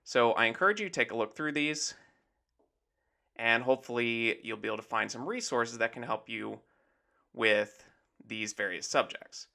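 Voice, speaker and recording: Bright-voiced man explaining his website. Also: mid-range voice, normal speed, gravelly. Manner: easygoing, explanatory, leans on "basically" and "essentially". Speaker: math teacher and tutor. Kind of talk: casual screen-share walkthrough.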